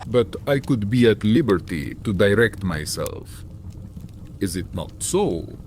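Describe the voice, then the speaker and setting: An actor playing a sinister, courteous vampire count in an audiobook drama, with formal, deliberate, archaic speech and lingering pauses. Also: male voice, lowish voice, expressive, a little mellow, a little hiss or hum. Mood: measured, explaining.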